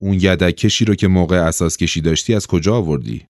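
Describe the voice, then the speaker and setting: A man voicing a gruff, short-tempered older man in an audiobook, speaking bluntly and curtly. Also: low-pitched, darkish tone, dry recording, studio quality, lightly acted. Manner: blunt, curt.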